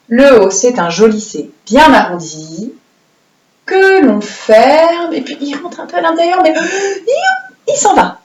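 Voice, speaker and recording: A woman with a somewhat high voice teaches young children their handwriting letters. She is patient and encouraging and dictates slowly with playful little sound effects. The recording has a roomy echo. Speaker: primary school teacher. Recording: roomy echoey room.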